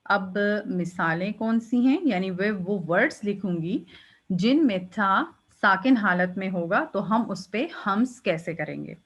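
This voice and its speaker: A woman teaching Quranic recitation rules, explaining patiently and demonstrating each letter with a drawn-out, breathy release. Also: medium pitch, lively intonation, highs cut off. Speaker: tajweed teacher. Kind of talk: step-by-step recitation lesson.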